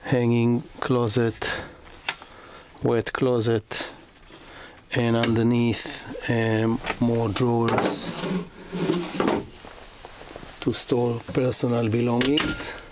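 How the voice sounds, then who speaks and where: A man narrates a boat walkthrough of a moored sailboat in a marina, outdoors and below deck, working as a yacht broker and filming himself. The delivery is flat and medium-pitched, slow and hesitant, with plenty of fillers, pauses, and restarted sentences. The camera's outdoor audio is noisy.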